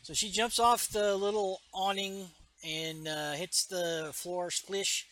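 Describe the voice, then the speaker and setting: A man's voice: high voice, little pitch movement, slow, fairly bright tone. A man co-hosting a casual podcast chat, animatedly retelling a comic book scene and acting out its characters. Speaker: podcast co-host.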